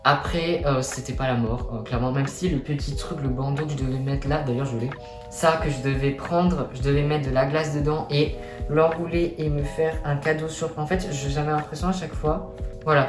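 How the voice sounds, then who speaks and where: A man's voice: fairly high pitch, fairly even intonation, normal speed, music in the background. A young man telling a personal story to viewers in a chatty, colloquial, self-deprecating way. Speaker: vlogger. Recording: echoey room.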